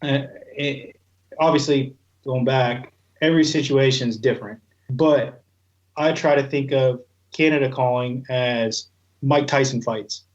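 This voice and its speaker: Guy rambling casually in an interview, pretty even pitch, kinda muffled recording. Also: a little slow. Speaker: guest, goose calling expert.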